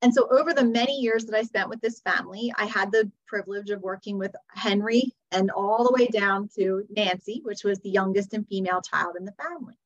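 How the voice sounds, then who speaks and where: A woman's voice: medium pitch, brisk, hardly any pauses. An American woman in her forties telling her story conversationally as a podcast guest, on slightly dull audio. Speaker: podcast guest, teacher and author.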